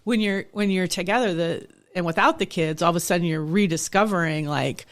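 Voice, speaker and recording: A woman's voice: on the low side, brisk. A middle-aged woman, a nonprofit director, telling personal stories in a candid, reflective interview. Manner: reflective, candid storytelling with frequent restarts. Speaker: nonprofit executive director, podcast guest. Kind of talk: conversational interview.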